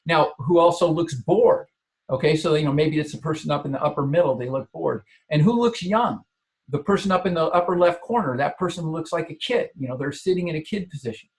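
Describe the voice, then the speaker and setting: A man's voice: a little high, a little fast. A man coaching an audience on body language, repeating key phrases and checking in with "okay" and "all right". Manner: frequent verbal restarts and filler checks like "okay". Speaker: business coach.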